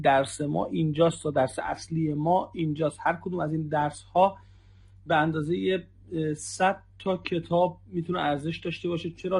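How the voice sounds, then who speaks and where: Persian guy teaching arabic, gravelly husky voice, keeps repeating words slow for students. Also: fairly high pitch, darkish tone. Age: 30s. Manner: repeats phrases, slows down to drill words. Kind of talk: online language lesson.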